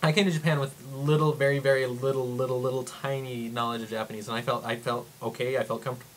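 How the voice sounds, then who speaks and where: Excitable young man rambling. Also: medium pitch, fast, slight background noise. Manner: rambling, excitable storytelling with many "like"s and acted-out quotes. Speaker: vlogger. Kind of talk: casual travel-story vlog.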